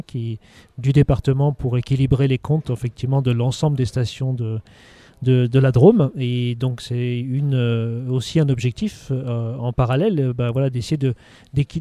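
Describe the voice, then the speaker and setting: A middle-aged man from Haute-Savoie answers interview questions as a local official. He speaks haltingly, restarting phrases and filling gaps. His voice is very dark and mellow, recorded dry and close. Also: medium pitch, dry recording. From Haute-Savoie, France. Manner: hesitant, many restarts and fillers. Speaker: local government official managing outdoor sites.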